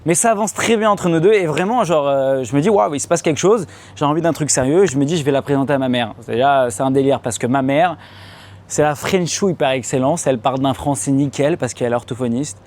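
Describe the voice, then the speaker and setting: Young man doing animated stand-up. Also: fairly quick. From France. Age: young adult. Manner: animated storytelling, acts out voices with loud high outbursts; slangy casual French, addresses audience directly. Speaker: stand-up comedian. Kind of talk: stand-up comedy set. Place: comedy club stage before a live audience.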